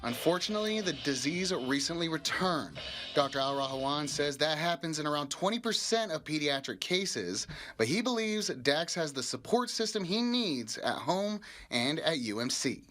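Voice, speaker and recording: Higher-voiced man narrating a news report. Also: big pitch swings, moderate pace, fairly bright tone.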